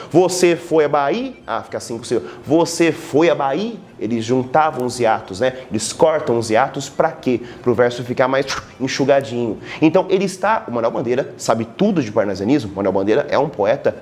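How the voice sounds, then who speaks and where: A man with a Brazilian Portuguese accent giving an online literature lecture in a lively, slangy way, now and then jumping into mocking high voices. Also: a little hiss or hum. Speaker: teacher.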